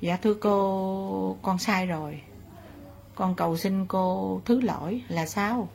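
A woman speaking as the remorseful spirit of a married man, slow and pleading. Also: mid-range voice, gravelly, a little mellow, slight background noise. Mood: contrite. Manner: slow, pleading, contrite confession.

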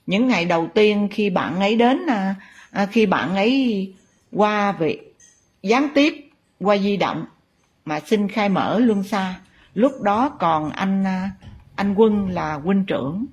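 A woman spiritual teacher, telling a story to her followers in a halting way with many fillers. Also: mid-range voice, lively intonation, husky, dull audio.

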